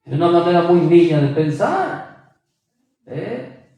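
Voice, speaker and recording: A man's voice: on the high side, very animated, takes it slowly, creaky, warm tone, distant mic. A man preaching a sermon with emphasis, quizzing his listeners with rhetorical questions. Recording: very echoey room, voice from afar.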